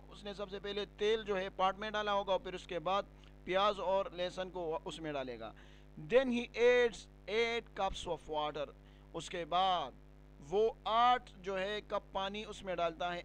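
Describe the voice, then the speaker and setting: A man teaching a beginner English lesson, explaining in Urdu and repeating words and phrases slowly for learners. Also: high voice, a bit bright, slight background noise.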